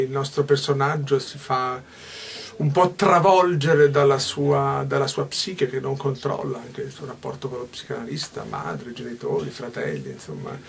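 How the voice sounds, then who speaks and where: A man's voice: medium pitch, gravelly. A stage actor in his fifties gives a backstage interview in a small dressing room. He talks thoughtfully, gestures a lot and often restarts mid-phrase.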